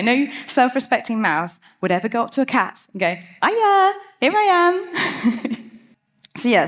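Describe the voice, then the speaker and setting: Chatty woman doing a talk, upbeat, laughs a lot, mid pitch. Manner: lively, chatty, laughs often. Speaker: cat behaviour speaker. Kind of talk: TED-style talk.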